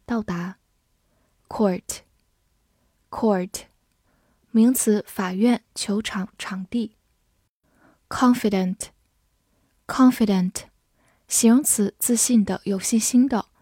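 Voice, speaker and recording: Very slow, careful woman teacher. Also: medium pitch, mellow, dry recording, studio quality. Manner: careful, repeats each word twice. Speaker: vocabulary teacher. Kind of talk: slow vocabulary review reading.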